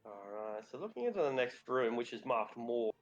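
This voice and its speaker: A man running a tabletop game as game master, describing scenes in a relaxed, joking way and swearing freely. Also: medium pitch, fairly quick. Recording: dull lo-fi audio with faint music.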